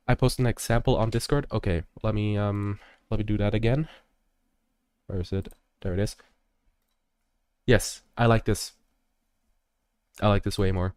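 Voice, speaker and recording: A man's voice: fairly low pitch, a little mellow, smooth, no room sound, studio quality. A young man streaming a strategy game, rambling and jokey in casual commentary, full of fillers.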